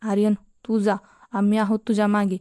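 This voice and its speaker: Woman doing a laid-back supportive student guy, mellow, smooth. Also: medium pitch, monotone, moderate pace, no echo, studio quality, lightly acted. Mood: easygoing. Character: easygoing supportive young male college student.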